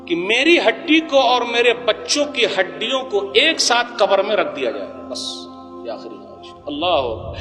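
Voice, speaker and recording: A man giving an impassioned sermon to a congregation, questioning the audience and swinging between loud and soft. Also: high-pitched, in a large hall. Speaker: preacher. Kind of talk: Urdu sermon to a live congregation.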